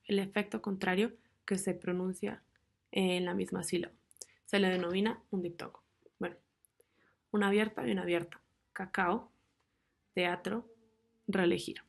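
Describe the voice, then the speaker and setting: A young woman, a student presenter, narrating a class presentation and reading out rules and lists of example words in a measured way. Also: medium pitch, gravelly, breathy edge.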